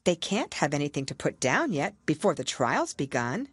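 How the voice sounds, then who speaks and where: A woman voicing a curious, opinionated little girl in a storybook, quick to be indignant. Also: sits low, sing-song, breathy edge, no room sound, heavily acted. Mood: whispering, puzzled.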